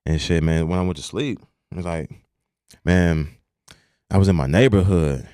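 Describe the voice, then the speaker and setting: A young man speaks in a low voice, telling a personal story in a loose, colloquial way. He keeps checking in with "you know what I'm saying" and swears freely. The recording is close and dry, with no room sound. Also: moderate pace, warm tone, dry recording. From Texas. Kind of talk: personal storytelling in casual conversation.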